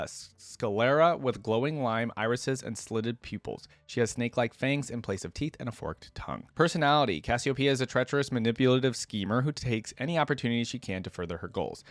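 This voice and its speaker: Here a video host gives laid-back reaction commentary, sometimes reading straight from a wiki. His voice sits in the middle range, the recording has no room sound, and he keeps second-guessing and correcting what he says.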